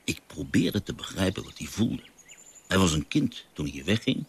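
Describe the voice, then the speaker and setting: A low-voiced naturalist father in a radio play, lively storyteller, very expressive delivery. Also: moderate pace, vocal fry, slight background noise, full character voice. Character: gentle father, a naturalist recalling his sea voyage. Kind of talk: radio drama narration.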